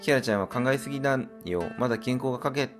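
A man's voice: mid-range voice, fast, music in the background, lightly acted. A man voicing a jittery girl character who slips into a Hakata dialect, sounding nervous.

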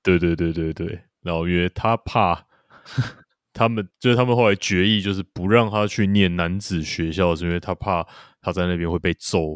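Deep-voiced man chatting loosely. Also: no room sound, clean studio sound. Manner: loose, rambling, many fillers and repeated agreement. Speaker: podcast co-host. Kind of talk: casual chat about a TV series.

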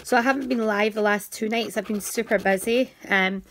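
A woman's voice: mid-range voice, steady tone, a little fast, a bit bright. A woman chatting casually as a vlog host, calling out numbers a bit like a bingo caller. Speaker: host of scratchcard videos. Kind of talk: casual vlog commentary while scratching lottery cards. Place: indoors at a table. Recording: home recording with background noise, scratching.

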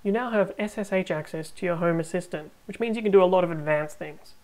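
A woman hosting a tech tutorial, narrating a screen recording with calm, step-by-step instructions. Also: on the low side, quick pace, poor audio.

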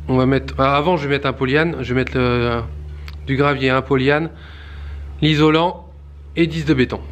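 Handheld camera close to his face, a renovation vlogger in his thirties shows off the stone basement he's renovating, narrating casually with frequent fillers and restarts. His voice is mid-range, with a little hiss or hum in the recording.

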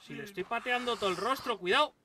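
A man's voice: high voice, fast. A young man with a Spain Spanish accent doing let's play commentary, swearing and bursting out as he plays. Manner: swearing, excitable outbursts. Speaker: gaming YouTuber. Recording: distant mic with loud game noise.

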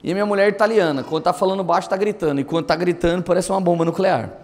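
A male pastor delivering a sermon through lively, humorous storytelling. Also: sits high, rapid-fire, in a large hall, slight background noise. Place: church auditorium.

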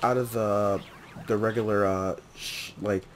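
A young man giving chatty, excitable gameplay commentary and talking to the characters on screen. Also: lowish voice, unhurried, slight background noise. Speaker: let's play host.

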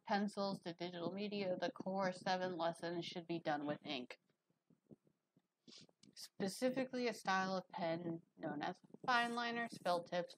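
A woman's voice: mid-range voice, a little hiss or hum, low-quality recording. A woman streamer casually reading a drawing lesson aloud, with chatty, rambling asides.

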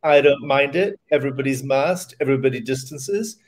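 An older man talking on a video call from a room at home, relaxed, wry and reflective as a theatre director being interviewed. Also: mid-range voice, fairly quick. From Scotland. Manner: wry, reflective, chuckles at himself. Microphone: webcam on video call.

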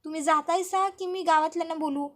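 Brief: feisty rustic farm girl, voiced by a woman storyteller, high, loud, blunt. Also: steady tone, fast. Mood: defiant scolding. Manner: blunt rustic village speech, scolding. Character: feisty young village woman farmer, defiant.

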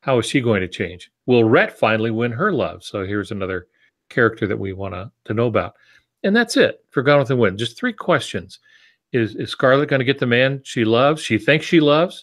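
Lively intonation and a fairly quick pace mark this medium-pitched male voice. The speaker, an American in his sixties who teaches writing and co-hosts a podcast, teaches informally with asides on a video call from a home office, wearing wired earbuds.

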